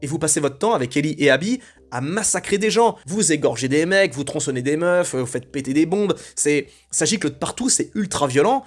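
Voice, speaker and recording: A man's voice: on the high side, animated, a little fast. A man delivering an opinionated commentary monologue in a blunt, indignant way, rambling and hesitating often. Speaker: video commentator.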